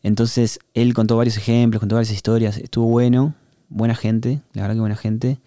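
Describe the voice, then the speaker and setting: Young male podcast host, Uruguayan accent, mellow tone, slangy rambling monologue. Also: medium pitch, level tone, brisk, dry recording, clean studio sound. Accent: Uruguayan Spanish. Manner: rambling, slangy, retells conversations. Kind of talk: casual behind-the-scenes monologue.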